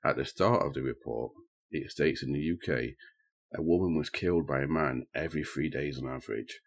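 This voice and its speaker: Very deep-voiced man hosting a podcast. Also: fairly quick, vocal fry, husky. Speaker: podcast host. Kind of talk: scripted true crime podcast narration.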